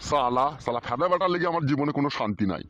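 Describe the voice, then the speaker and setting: Man voicing a swearing landlord father, rapid-fire talk, music behind. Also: medium pitch, animated, fairly bright tone, muffled recording, close to an everyday voice. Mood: angry. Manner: swears constantly, barking and scolding. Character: foul-mouthed hot-tempered middle-aged village father and landlord. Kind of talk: comic audio drama. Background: background music.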